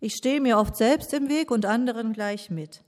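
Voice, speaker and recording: A woman voicing a remorseful male apostle who confesses his failings slowly and humbly during a sermon. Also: a little high, darkish tone, natural voice. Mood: contrite.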